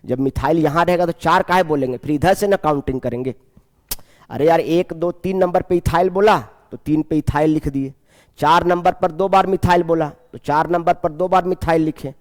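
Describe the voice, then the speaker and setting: A man's voice: a little high, normal speed, a little mellow, faint music behind. A male chemistry teacher going through a test paper, counting aloud step by step and putting questions to the class. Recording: long hall reverb.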